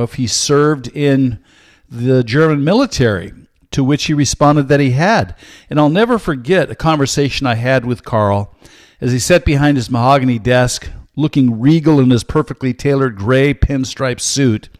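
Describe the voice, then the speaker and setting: Older man hosting a show, earnest teaching tone, steady measured delivery with pauses, dry close mic. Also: mid-range voice, no echo. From United States. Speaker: host, Bible teacher. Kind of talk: teaching monologue with personal story.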